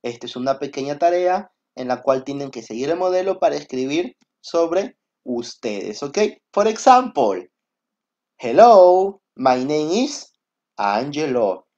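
A Peruvian man in his twenties, a native Spanish speaker, teaches schoolchildren in a recorded lesson, giving encouraging instructions and repeating them simply. His voice is fairly high and darkish, very animated, at a moderate pace. The screen-recording audio is dull and lo-fi.

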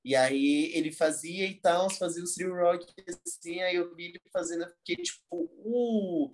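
A man's voice: sits high, a little fast. Young man, Brazilian accent, interview guest, casual storytelling, slangy, lots of fillers. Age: young adult. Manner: relaxed slangy talk full of fillers like "tipo" and "assim". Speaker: guest dancer.

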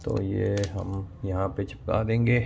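The recording is muffled with a noisy background, and the man speaks a little slowly in a low, flat voice with vocal fry. A motovlogger from India in his thirties, he presents a product installation in a casual tutorial vlog, talking viewers through each step from a small indoor room at home.

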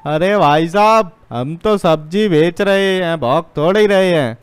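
Man playing a slow, wheedling cartoon vegetable hawker. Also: sits high, very noisy. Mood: cheeky. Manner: drawn-out sales patter, folksy. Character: cheeky, wheedling male street vegetable hawker. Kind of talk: cartoon comedy dialogue.

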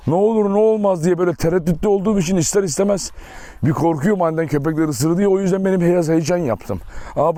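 With no room sound, a young man's high, slightly mellow voice carries a relaxed walkthrough of his outdoor dog farm. He chats quickly and keeps slipping into fond baby talk aimed at his dogs.

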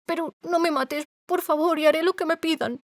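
A woman's voice: extremely high pitch, fairly even intonation, moderate pace, no room sound, studio quality, voice pushed up. A woman voicing a timid aging little man who poses as a great wizard, speaking meekly and shakily in an audiobook. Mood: frightened. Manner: shaky, meek.

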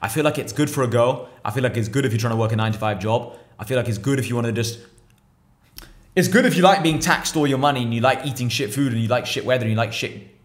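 Guesting on a casual podcast, this English business owner in his twenties talks fast and bluntly and swears freely in a mid-range voice. The setting is a small indoor room, seen on camera, where he sits at a table with a boom mic on an arm.

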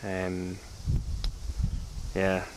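A man in his thirties speaks to a camera held at arm's length while out on a rural trail. His voice sits low and stays fairly even in pitch. He rambles candidly, with fillers and restarts. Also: very slow, a little hiss or hum. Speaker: hiker vlogger. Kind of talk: casual walking vlog to camera. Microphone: handheld camera at arm's length.

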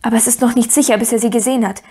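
A woman's voice: fairly high pitch, steady tone, racing, mellow, breathy edge. A woman reading an audiobook, voicing an eager, earnest young boy who talks in urgent, breathless bursts. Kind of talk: audiobook character voice.

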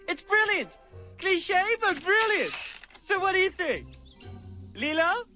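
Fussy alien dude, high and bright, swoops all over the place. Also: male voice, a little slow, faint music behind, heavily acted. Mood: showy. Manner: fussy, theatrical, excitable. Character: fussy nervous one-eyed male alien, showy. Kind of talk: cartoon voice acting.

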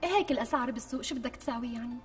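A woman's voice: fairly high pitch, lightly acted. Woman playing a demanding Damascene bride. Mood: coaxing. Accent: Syrian, Damascene. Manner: wheedling, quick to take offence. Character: pampered young pregnant bride, demanding and coaxing. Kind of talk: TV sketch acting. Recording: distant mic with faint music.

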